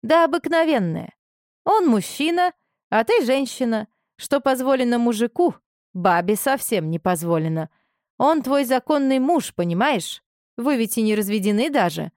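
A woman's voice: on the high side, lively intonation, normal speed, a little mellow, dry recording, clean studio sound, pitched above the performer's own voice. A woman voicing a domineering, reproachful middle-aged mother who scolds her grown daughter with indignant questions. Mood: indignant scolding. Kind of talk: audiobook character reading.

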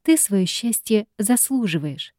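A woman's voice: lively intonation, a little slow, warm tone, no room sound, clean studio sound, close to an everyday voice. A woman reading an audiobook, voicing a doting, meddling ghost mother who gushes in a raised, theatrical voice. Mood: tender. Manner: high, gushing and theatrical.

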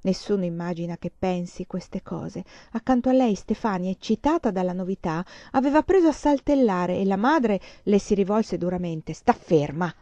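A woman reading a literary novel aloud in a measured, expressive way, letting sad phrases sink softly. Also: medium pitch, no room sound, lo-fi sound. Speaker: audiobook reader. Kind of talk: literary audiobook narration.

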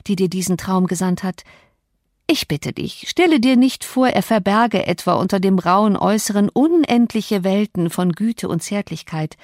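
A woman narrator voices a proud, sharp-tongued young woman in an audiobook. She talks with cutting emphasis. The sound is dry and close. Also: medium pitch, no echo, natural voice.

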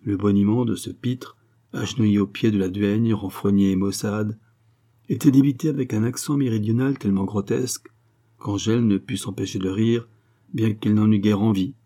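A man narrating a classic novel in a measured, literary reading. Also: on the low side, steady tone, mellow. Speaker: audiobook narrator. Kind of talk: scripted narration.

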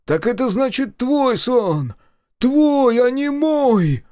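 A man voicing a frantic man trapped in a nightmare, pleading and shouting. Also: very high voice, animated, measured pace, dry recording, clean studio sound, voice pushed up, heavily acted. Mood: panicked shouting.

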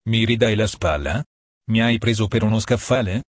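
Un uomo legge un angelo scherzoso e alla mano, con voce bassa e velata. Il suono è secco e vicino al microfono. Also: male voice, moderate pace, no echo, studio quality, lightly acted.

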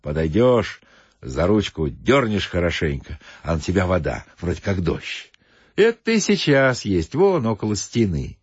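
A man's voice: deep voice, big pitch swings, unhurried, husky, no room sound, heavily acted. A man voicing a shaggy-haired, fretful fellow who talks in raised, worried questions. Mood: chatty. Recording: dull dry lo-fi recording.

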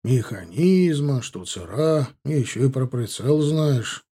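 A man's voice: medium pitch, lively intonation, takes it slowly, mellow, breathy edge, exaggerated voice. A man voicing a wry army officer who teases a boy in a mocking, drawling way. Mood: teasing.

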